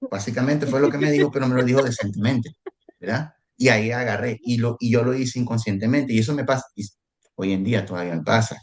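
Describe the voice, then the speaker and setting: A man co-hosting an online real estate mastermind, telling anecdotes in a casual, animated way and often repeating words as he restarts. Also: mid-range voice, fast. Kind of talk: casual group discussion.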